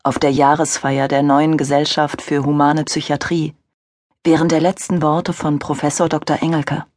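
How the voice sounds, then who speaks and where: A woman narrating an audiobook thriller in measured, even storytelling. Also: low-pitched, dry recording, clean studio sound. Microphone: studio microphone.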